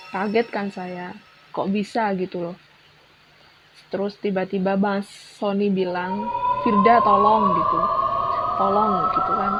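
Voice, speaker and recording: A young Indonesian woman telling a personal horror story in a casual, chatty way, often restarting and repeating words. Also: mid-range voice. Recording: dull lo-fi sound with music behind.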